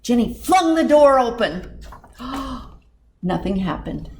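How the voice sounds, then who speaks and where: A storytime librarian reads a children's book slowly and with flair, her voice on the high side, a little mellow, and full of big pitch swings. She speaks asides right to the young listeners, and there's slight background noise.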